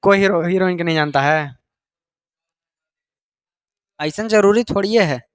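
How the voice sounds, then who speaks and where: A man's voice: sits high, measured pace, smooth, dry recording, studio quality. A man with a Bihari Hindi accent teaching a class in a casual, chatty way, often quizzing his students. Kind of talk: classroom lecture.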